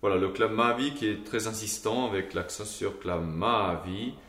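Low-voiced man teaching chant, echoey room. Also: moderate pace, a bit bright. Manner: explanatory, with short sung examples. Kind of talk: explaining chant to a choir.

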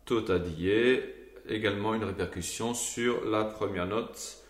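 A man's voice: lowish voice, measured pace, reverberant. A man teaching Gregorian chant to a choir, explaining the melody and now and then singing short examples.

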